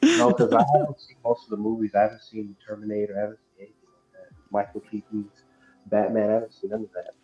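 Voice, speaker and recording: A male guest on a casual livestream chat, talking in a laid-back, offhand way through a voice changer app that shifts his voice deeper. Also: lively intonation, quick pace, dark tone, soft background music, rough recording. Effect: deep voice changer app.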